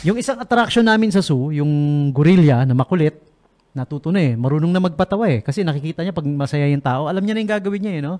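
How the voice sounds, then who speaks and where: A man's voice: on the high side, expressive, quick pace, mellow. A man from the Philippines hosting a late-night radio show, telling a comic story as a playful storyteller who often breaks into chuckles. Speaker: radio DJ host. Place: radio studio.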